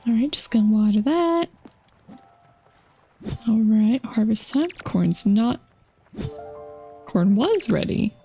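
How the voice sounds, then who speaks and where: Gravelly-voiced woman streamer chatting. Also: a little high, animated, takes it slowly, long pauses, warm tone, soft background music. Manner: chatty, talks to chat while playing. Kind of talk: casual gaming chat.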